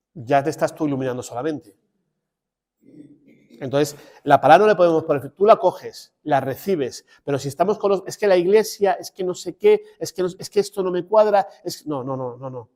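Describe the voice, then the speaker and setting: Man, parish priest, slightly high voice, conversational teaching, digressive asides. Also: darkish tone. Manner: conversational and digressive, with restarts and direct asides to listeners. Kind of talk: parish formation talk.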